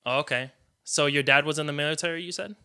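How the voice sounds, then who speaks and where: A man hosting a podcast with a bright, crisp voice. He asks questions loosely and chattily, with lots of filler words. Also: fairly high pitch, fairly even intonation, quick pace. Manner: casual, leans on filler "like". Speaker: podcast host. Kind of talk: casual interview.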